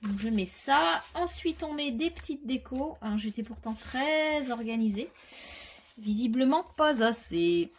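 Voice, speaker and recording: A woman with a fairly high voice talks viewers through a craft project step by step. She keeps a relaxed, chatty flow, explaining as she works and now and then muttering softly to herself. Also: measured pace, a little hiss or hum. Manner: chatty, explains while working, with quiet muttered asides. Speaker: crafter presenting a scrapbooking tutorial. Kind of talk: casual step-by-step craft tutorial.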